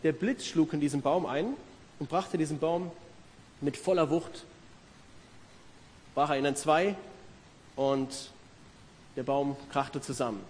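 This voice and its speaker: A man's voice: a little high, fairly even intonation, slow, pauses often, a little mellow. A middle-aged man preaching a sermon in an earnest, conversational way, asking his listeners questions. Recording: reverberant hall with faint hiss.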